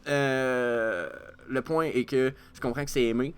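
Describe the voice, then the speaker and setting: A man with a Quebec French accent giving casual market commentary as a vlogger, excitable and swearing freely with many fillers. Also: mid-range voice, a little slow, smooth.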